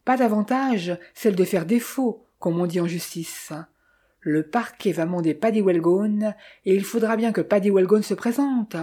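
Voicing a young male clerk turned anxious amateur detective, a woman reads audiobook dialogue in a mellow, mid-range voice that's close to how she normally speaks.

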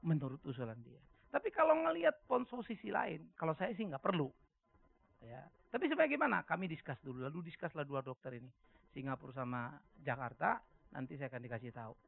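A man preaching a sermon as pastor, animated, swinging from soft musing asides to loud emphatic shouts. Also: a little high, fast talker, gravelly, narrow, tinny audio.

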